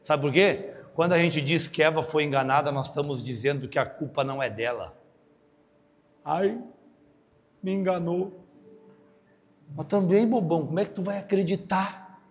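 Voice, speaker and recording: Animated pastor, echoing hall. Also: male voice, brisk. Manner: animated, jokey, acts out other voices with big pitch jumps. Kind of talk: lively sermon with acted-out stories. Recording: long hall reverb.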